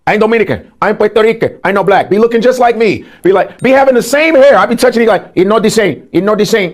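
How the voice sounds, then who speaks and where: A man doing a shrill, insistent Dominican guy. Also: animated, fast. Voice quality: high, shrill and emphatic. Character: insistent Dominican man denying his blackness. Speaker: comedian. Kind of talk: stand-up comedy bit.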